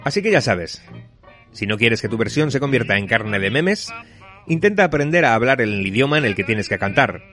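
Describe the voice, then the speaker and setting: A man's voice: mid-range voice, big pitch swings, a little fast. A man giving wry, conversational advice as a contributor to a radio music segment.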